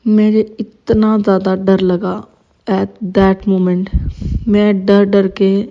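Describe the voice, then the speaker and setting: Woman, thirties, gravelly, flat delivery, dull lo-fi sound. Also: mid-range voice. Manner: emotional, hesitant storytelling with many fillers. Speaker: devotee sharing a testimony. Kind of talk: personal testimony. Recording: dull lo-fi recording.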